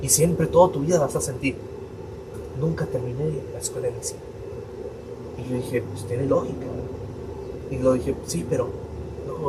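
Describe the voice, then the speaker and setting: A young adult priest tells a personal story on a podcast, acting out his parents' voices as he goes. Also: medium pitch. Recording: distant mic with steady room noise.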